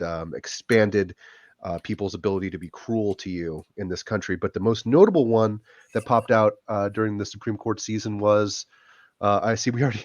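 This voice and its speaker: Hoarse man hosting a podcast. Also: on the low side, a little mellow, no room sound, dull audio. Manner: halting, many filler words. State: hoarse from illness. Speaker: podcast host. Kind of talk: casual live-stream chat.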